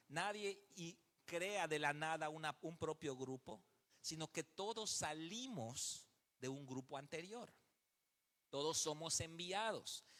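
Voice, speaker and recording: A man's voice: a little high, a bit bright. A man from Mexico with a Mexican Spanish accent, a pastor teaching at a leaders' seminar, telling stories and explaining step by step. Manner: storytelling, acts out dialogue, explains step by step. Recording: reverberant hall.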